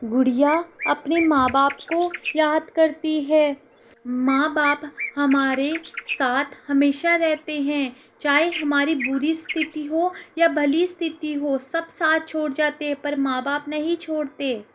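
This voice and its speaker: A woman narrating an emotional cartoon moral story, telling it in a slow, emotive way. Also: sits high, fairly even intonation, slight background noise.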